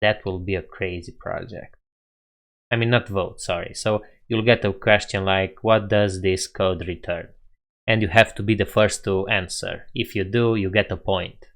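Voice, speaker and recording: On a coding live stream, a young Romanian-accented man talks casually with his viewers, laughing a lot and thinking out loud. His voice is low and a bit bright, with a steady tone at normal speed.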